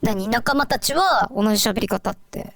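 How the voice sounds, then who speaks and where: A teenage girl in a scripted comedy duo, asking questions and reacting in drawn-out replies. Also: a little high, lively intonation, creaky, no echo. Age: teens.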